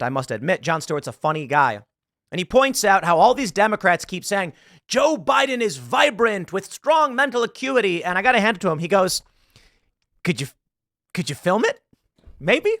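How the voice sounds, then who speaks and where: A man, talking through political news in a solo commentary, animated and sarcastic. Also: high voice, no room sound, studio quality. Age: 30s. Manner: animated, sarcastic, mocking quoted voices.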